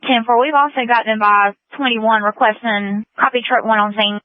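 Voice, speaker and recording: A woman working as an emergency dispatcher over a police and fire radio channel, briskly repeating back unit numbers and codes. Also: fairly high pitch, fairly even intonation, no echo. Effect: heard over a police and fire radio channel. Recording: narrowband radio transmission.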